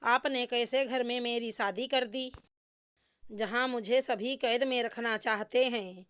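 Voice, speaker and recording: A woman's voice: a little high, fairly even intonation, slow pace, fairly bright tone, clean tone. A woman voicing a stubborn, spoiled young bride who talks back angrily. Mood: angry. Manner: sulky, defiant.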